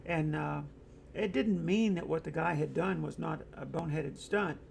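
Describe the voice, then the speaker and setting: A man's voice: a little high, moderate pace, creaky, a little hiss or hum. A middle-aged man hosting an online discussion show, talking casually and reading out viewer comments, rambling with many fillers and stories.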